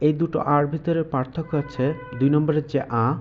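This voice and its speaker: A man teaching a lesson in a slow, patient way, pausing often with fillers. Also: on the high side, level tone, muffled recording, slight background noise. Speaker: English teacher. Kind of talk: explanatory lesson.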